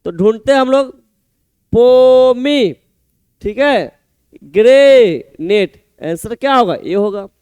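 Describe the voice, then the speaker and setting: Teacher, male, very high voice, dry close sound; drills spellings letter by letter. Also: expressive, clean tone, no echo. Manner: slow, spells words letter by letter and repeats answers. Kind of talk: exam-prep spelling lesson.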